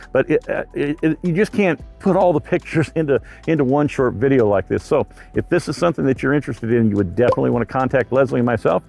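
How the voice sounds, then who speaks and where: A man's voice: medium pitch, creaky, a little mellow. A man working as a real estate agent, giving a casual, chatty tour of a home and neighborhood, outdoors at times, rambling with frequent filler sounds.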